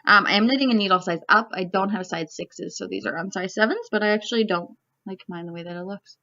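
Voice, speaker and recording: A woman's voice: medium pitch, quick pace, pushed and bright. A young woman from Canada, chatting casually as a knitting vlogger in a rambling way, full of "like" and "um", recorded at home. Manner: rambling, filler-heavy, peppered with "like" and "um". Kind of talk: casual chat. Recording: slightly dull home recording.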